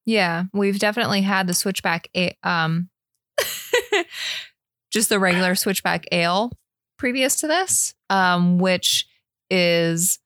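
A woman chats in a relaxed, agreeable way and laughs easily. Her voice sits low for a woman, recorded up close with a dry sound and no room around it. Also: slow, long pauses, no echo. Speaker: podcast co-host reviewing beer. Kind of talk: casual chat.

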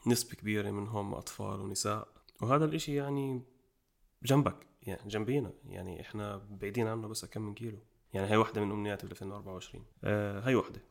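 Jordanian guy hosting a podcast, rapid emphatic talk, lowish voice. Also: vocal fry. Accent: Jordanian Arabic. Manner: quick, emphatic, gets loud when making a point. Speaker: podcast host. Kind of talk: casual chat.

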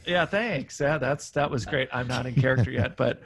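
A man talking casually as a podcast guest, rambling and animated, full of restarts. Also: medium pitch, normal speed, creaky, husky. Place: room near a railway line.

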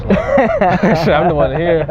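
A man's voice: on the high side, fairly even intonation, takes it slowly, over a noisy crowd. A young man co-hosting a podcast in casual, blunt, profane banter full of slang. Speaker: podcast co-host. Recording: muffled, clearly noisy outdoor traffic background.

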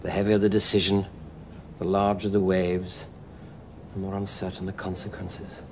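A man's voice: low voice, monotone, moderate pace, slight background noise, natural voice. An actor playing an enigmatic male time traveller who ponders aloud in a philosophical way, in a 1980s TV drama scene. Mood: brooding.

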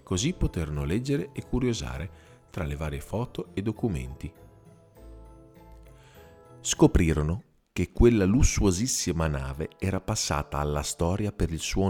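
A man tells a children's fairy tale in a deep, mellow voice. His delivery rises and falls with lively expression, and soft music runs under the reading. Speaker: storyteller.

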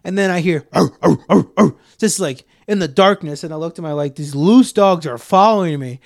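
A young man co-hosting a podcast, telling stories in a loose, profane, animated way with plenty of fillers. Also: on the high side, fairly quick, no room sound, studio quality. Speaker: podcast co-host. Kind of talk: casual storytelling chat.

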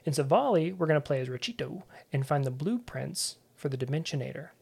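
A man's voice: fairly high pitch, expressive, fairly quick, vocal fry, darkish tone, breathy edge. A man hosting a podcast who recaps a video game in casual chat, sarcastic and rambling, with plenty of swearing. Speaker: podcast host.

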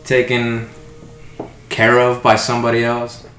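A man's voice: medium pitch, monotone, unhurried, fairly bright tone, faint music behind. A young man in a casual podcast chat, earnest and insistent, pressing his point. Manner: earnest, insistent, repeats "look" to hold the floor. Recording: echoey room with faint noise.

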